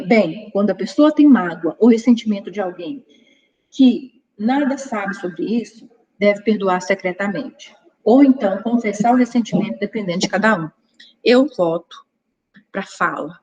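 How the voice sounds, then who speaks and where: A woman teaches a church Bible class in an easy, conversational way. She often slips into short acted exchanges to make her point. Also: medium pitch. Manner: conversational, acts out little dialogues. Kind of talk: Sunday school teaching.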